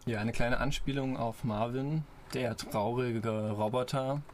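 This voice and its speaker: Calm man adding explanations. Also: medium pitch, measured pace, a little hiss or hum. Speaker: podcast co-host. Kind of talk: casual book discussion.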